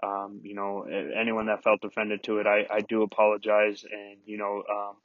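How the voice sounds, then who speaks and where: A podcast host recording a halting solo apology inside a closet, full of "you know" fillers and restarts. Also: male voice, on the low side, monotone, dry recording, phone-quality sound.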